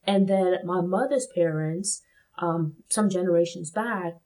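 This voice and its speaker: A woman's voice: lowish voice, unhurried, a little mellow, low-quality recording. A woman from Brooklyn, New York, hosting a casual film review, talking in a thoughtful way that qualifies her points with frequent "like" and "you know".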